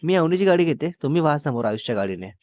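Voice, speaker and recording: A man's voice: fairly high pitch, sing-song, very fast, a little mellow, dry recording, highs cut off, voice pushed up. A man voicing a cheeky, bold young woman who teases and insists on tagging along in an audio romance story. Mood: teasing. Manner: teasing, insistent.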